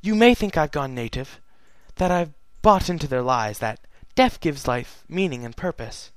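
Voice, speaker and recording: A man's voice: on the high side, expressive, normal speed, no echo, natural voice. A man voicing a regal, sorrowful immortal pony princess, reading her letter in a solemn, earnest way. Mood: solemn, wistful. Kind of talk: fan fiction reading.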